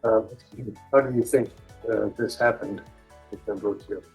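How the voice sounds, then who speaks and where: A man's voice: fairly low pitch, steady tone, a little slow, gravelly, a little mellow, faint music behind. A man questioning a witness in court as a lawyer, hesitant with many fillers, heard in a courtroom recording. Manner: hesitant, many ums and uhs. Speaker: defense lawyer. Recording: dull lo-fi courtroom audio.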